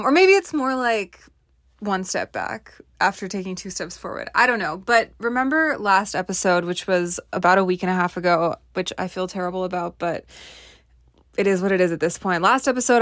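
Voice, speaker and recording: A woman hosting a podcast, telling a blunt, profane, rambling story in a casual rant, recorded on her phone in a small closet, giving low-quality audio. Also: a bit bright, no echo, studio quality. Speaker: podcast host. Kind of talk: casual ranting monologue.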